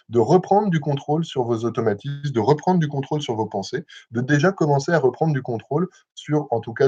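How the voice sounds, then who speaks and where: A young man with a breathy, slightly husky voice leads a live self-hypnosis session at a middle pitch. He talks gently, with frequent hesitations and restarts. The sound is muffled and lo-fi, like a webcam livestream. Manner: gentle, measured, with many hesitations. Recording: dull lo-fi livestream audio.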